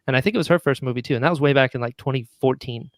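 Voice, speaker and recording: An audio drama writer and actor chats casually as an interview guest, talking rapid-fire in a medium-pitched voice. He's enthusiastic and talkative, chuckling often as he goes. The recording is dry, with clean studio sound.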